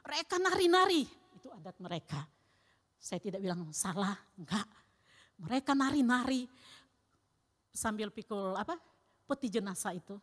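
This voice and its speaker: A woman preaching a sermon with personal testimony, emphatic, swinging between loud exclamations and quiet asides. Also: mid-range voice, very animated, moderate pace, long pauses, big-room sound.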